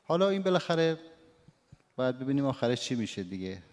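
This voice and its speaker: A man's voice: mid-range voice, sing-song, a little mellow. Man lecturing in a reverberant hall. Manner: polite, explanatory, demonstrates recitation phrases. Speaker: Quran recitation teacher. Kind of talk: classroom lecture with questions.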